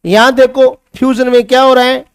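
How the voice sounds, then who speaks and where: A man's voice: very high voice, flat delivery, brisk, smooth, no echo, studio quality. A male chemistry teacher with a Hindi accent, giving a classroom lecture that mixes English science terms into Hindi and asks his students questions before answering them himself.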